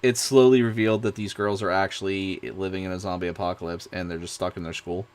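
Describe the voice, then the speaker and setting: A young man streaming, chatting casually in an excitable, rambling way. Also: sits low, fast. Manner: rambling, excitable, many fillers and restarts. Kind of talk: casual chat.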